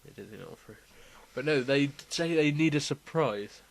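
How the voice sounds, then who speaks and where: A man's voice: medium pitch, animated, moderate pace, vocal fry. A man taking part in a casual quiz chat, answering in a laid-back way with frequent chuckles. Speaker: quiz contestant.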